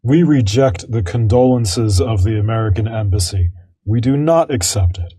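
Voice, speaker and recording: Man, translation voice-over, interpreter, mellow husky tone, formal measured delivery. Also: lowish voice, no room sound, low-quality recording. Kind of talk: interpreter voice-over in a news report.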